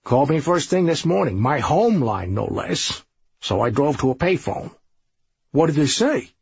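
A man's voice: on the high side, big pitch swings, gravelly, slightly rough, no room sound, dull audio, pitched above the performer's own voice, heavily acted. A man voicing a scheming, bossy middle-aged police sergeant who waves off every worry. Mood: dismissive. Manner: brisk, bossy, dismissive.

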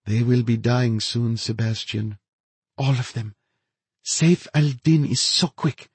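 A man voicing a feverish, unhinged woman scientist who gloats in a high, breathy, lilting voice. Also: slow pace, dry recording. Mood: gloating.

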